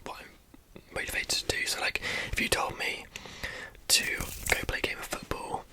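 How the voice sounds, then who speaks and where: A young adult speaking in a fast, breathy ASMR whisper, rambling informally and repeating words while answering questions.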